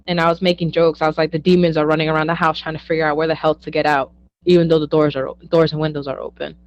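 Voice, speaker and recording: This lo-fi clip has a young woman talking very fast in a low register. As a psychic medium guest in a casual interview, she spins lively stories, acting out each quoted line and frequently breaking into laughter.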